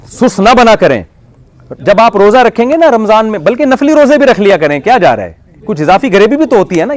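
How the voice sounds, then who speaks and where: A man, preaching a conversational sermon full of jokes and rhetorical questions to a community abroad. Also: sits high. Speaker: Islamic preacher. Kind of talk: sermon to a congregation.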